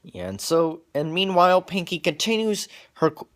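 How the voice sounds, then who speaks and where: A man's voice: high voice, sing-song, moderate pace, a bit bright. A man casually recapping a cartoon episode for viewers, stumbling through restarts and repeated words as he goes. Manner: wears glasses on camera.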